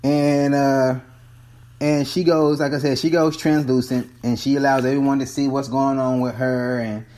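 A man's voice: mid-range voice, level tone, moderate pace, a little mellow. A man rambling casually and profanely about a movie, a bit out of breath as he climbs the stairs of a townhome while holding his phone. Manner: loose, profane, chatty, restarts often. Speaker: vlogger reviewing a movie. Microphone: phone held in hand.

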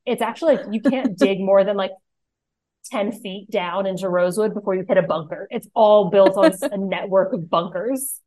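Young woman, podcast co-host, casual rambling chat, middle pitch, dry recording. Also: moderate pace, a little mellow, no room sound. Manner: rambling, full of "like" fillers.

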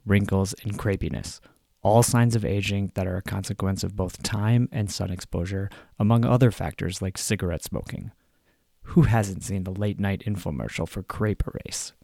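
Male doctor reading his own book aloud, lowish voice, wry and measured, dry close sound. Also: dry recording.

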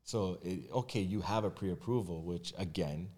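Speaking at a normal speed in a deep, darkish voice, this man appears as a guest on a casual podcast, discussing his work in mortgages and real estate. He's a mortgage agent and realtor, and he talks candidly and loosely, full of fillers and restarts.

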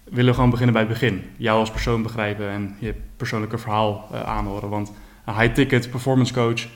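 A man hosting a podcast, introducing the guest and then asking questions in a halting way. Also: fairly low pitch, little pitch movement. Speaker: podcast host. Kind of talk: podcast interview.

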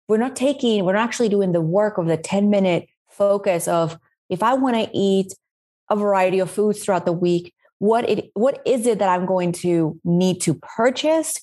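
A woman's voice: lowish voice, warm tone. Chatty woman from Spain, podcast guest. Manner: chatty, many fillers and "right?" tags. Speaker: guest, meal-planning website founder. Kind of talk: casual podcast interview.

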